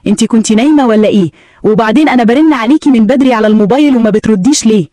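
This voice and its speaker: A woman's voice: on the high side, racing, dark tone, dry recording, close to an everyday voice. A woman with an Egyptian accent voicing a stern, suspicious middle-aged husband who speaks in a dry, businesslike way.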